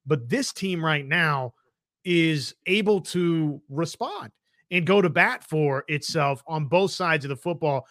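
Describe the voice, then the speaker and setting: A man's voice: fairly high pitch, lively intonation, slow pace, a bit bright, no room sound, clean studio sound. A man co-hosting a sports talk show, giving emphatic commentary and punctuating his points with checking questions. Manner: emphatic, often tags points with "right?". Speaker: sports talk show co-host, media member.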